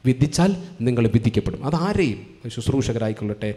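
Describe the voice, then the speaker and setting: Male pastor, rapid urgent sermon delivery, mellow voice, repeats his warnings. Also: medium pitch, sing-song.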